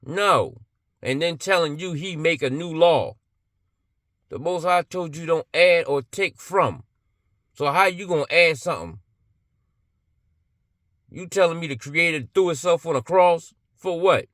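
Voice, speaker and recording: A man's voice: on the high side, measured pace, long pauses, fairly bright tone, no room sound, studio quality. A man giving an impassioned religious monologue, emphatic and blunt, firing off rhetorical questions and swearing freely.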